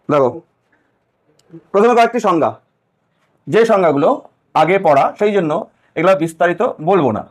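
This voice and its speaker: Physics teacher, male, high voice, lecturing and quizzing the class. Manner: questioning, repeats key points to students.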